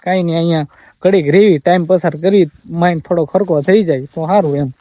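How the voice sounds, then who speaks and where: A young man from Gujarat, India, vlogs to viewers from his family farm, subdued and rambling, repeating himself and often quoting others. His voice is a little high and mellow, his pace brisk, and the recording dry.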